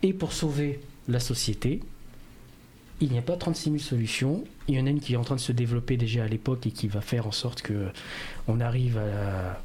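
Male radio columnist, explanatory, filler-heavy, mid pitch, slight noise. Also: brisk, a little mellow. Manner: explanatory, many "en fait" fillers. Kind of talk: radio talk segment.

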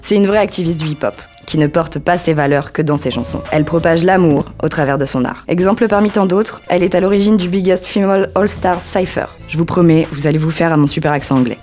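A woman's voice: deep voice, fast, few pauses, darkish tone. A young woman presenting a scripted radio music column, talking to her listeners directly and with enthusiasm. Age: young adult.

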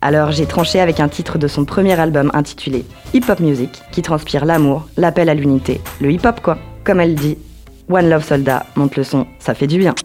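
A woman's voice: deep voice, fairly quick, darkish tone. A young woman presenting a scripted radio music column, talking to her listeners directly and with enthusiasm. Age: young adult.

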